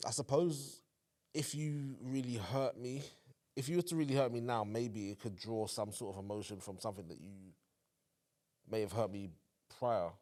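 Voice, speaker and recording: A man's voice: mid-range voice, moderate pace, mellow. Easygoing guy from england chatting on a couples podcast, teasing his wife, medium voice. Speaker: podcast co-host. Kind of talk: casual chat.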